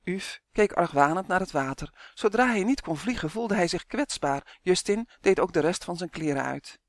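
Steady, clear children's storybook narrator; mid-pitched, dry studio sound. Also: moderate pace, no room sound. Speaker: audiobook narrator.

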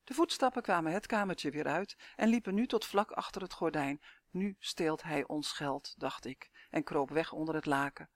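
A narrator reading a first-person travel story in a calm, measured storytelling manner. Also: medium pitch, dry recording, studio quality.

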